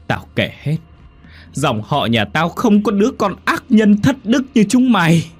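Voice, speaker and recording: A grieving old woman over 60, her voice high, quavering and tearful as she cries out, put on by a male storyteller. She sounds frail and heartbroken. Faint music sits behind her. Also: wildly swooping pitch, unhurried, slightly rough, exaggerated voice. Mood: wailing. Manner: wailing, sobbing, quavering.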